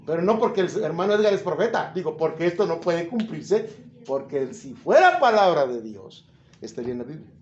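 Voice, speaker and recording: A man with a Mexican accent preaches in a high voice, chatting and joking with his listeners. His voice bounces around an echoey room. The sound is a little dull. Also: very animated, brisk, slight background noise. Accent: Mexican Spanish. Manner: chatty, jokes, asks the listeners questions. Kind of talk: informal Bible teaching to a congregation.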